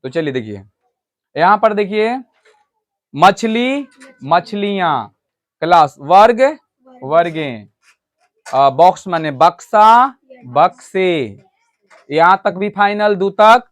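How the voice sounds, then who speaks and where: High-voiced man teaching a grammar class. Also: lively intonation, slow pace, long pauses. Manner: explains step by step, often asks students if they understood; switches between loud stressed points and quiet asides to the class. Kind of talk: classroom English grammar lesson. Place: classroom with students.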